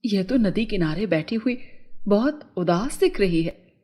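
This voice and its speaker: A woman voicing a brave, caring fairy mother in a cartoon story, speaking lower and firm. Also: animated, a little slow, warm tone. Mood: determined, tender.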